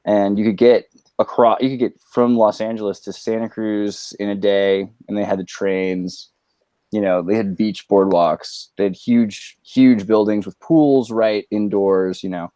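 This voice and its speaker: A man's voice: fairly low pitch, steady tone, a little slow, dark tone, no echo. A man from California, a guest chatting casually on a video call, rambling through long digressions. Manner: rambling, digressive, many fillers. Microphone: earpiece on a video call.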